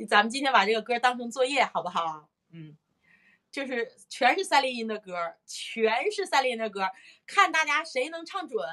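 Lively woman vocal teacher demonstrating rhythms. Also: on the high side. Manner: lively, repeats phrases, sings and claps out rhythms. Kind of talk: live-streamed singing lesson.

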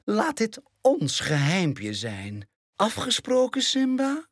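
A man's voice: high voice, huge pitch swings, slow pace, no echo, studio quality, pitched above the performer's own voice, full character voice. A man with a Flemish accent voicing a sly, scheming adult male lion who sounds silky and falsely sweet, in a storybook reading.

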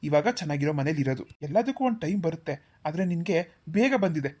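A generous middle-aged father in a cartoon, reassuring everyone in a low, gentle voice as a woman acts him. He sounds calm and kindly. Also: fast talker. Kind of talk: cartoon voice acting.

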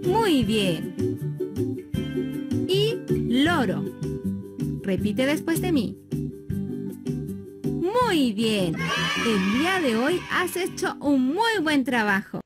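High, lively woman teaching children. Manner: slow, carefully enunciated, praising. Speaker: primary school teacher. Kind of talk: children's phonics lesson. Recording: loud children's music underneath.

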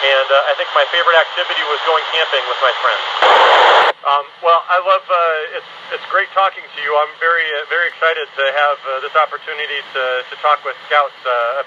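A man, an astronaut aboard the space station, talking with scouts over a crackly radio link, halting and friendly with many fillers. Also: on the high side. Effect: crackly radio transmission from space. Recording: distant, muffled radio link with heavy static.

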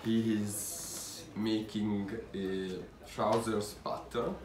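Unhurried Italian-accented young tailor. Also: male voice, fairly low pitch, little pitch movement, background noise. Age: young adult. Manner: halting, with frequent "uh" fillers. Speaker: tailor giving a workshop tour. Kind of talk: casual guided tour. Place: indoor tailoring workshop. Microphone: visitor's handheld camera. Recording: roomy workshop, faint ambience.

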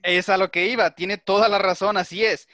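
Male instructor, middle-aged, slightly high and bright voice, methodical lecturing style. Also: steady tone, moderate pace, no room sound, clean studio sound. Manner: methodical, explains step by step and checks understanding. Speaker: teacher. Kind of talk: online class lecture with questions to students.

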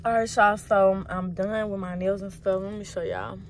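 A young adult woman vlogger talks casually into a phone held close, in a medium-pitched, steady voice at a moderate pace. She is chatty and slangy and swears freely, moving from a store fitting room to a car to a crowded outdoor fair with loud music and crowd noise.

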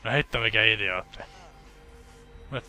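Young male let's-player from Finland, bright edgy voice, lowish pitch, sarcastic and swearing. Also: soft background music. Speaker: gameplay commentator. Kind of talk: casual let's play commentary.

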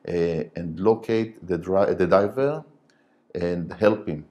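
A middle-aged man with a low, mellow voice, speaking non-native English. He explains technical things as an interview guest, with hesitant phrasing, recorded on a lapel mic in a studio. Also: slow, highs cut off. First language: not English. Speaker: interview guest, company director.

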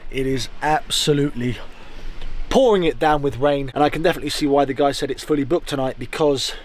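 A young man chatting excitedly to camera as a van life vlogger inside his small camper van. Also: medium pitch, fairly quick. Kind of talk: casual vlog narration to camera. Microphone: camera held or set close.

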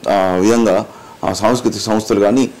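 A man's voice: fairly low pitch, steady tone, moderate pace, a little mellow. A middle-aged man, a mimicry artist answering in an interview, emphatic and lecturing, asking and answering his own questions. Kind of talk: interview, explaining.

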